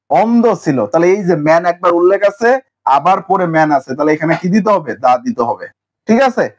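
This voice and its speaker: A man's voice: high-pitched, a little mellow. A young man teaches an English grammar lesson online, asking questions and answering them himself.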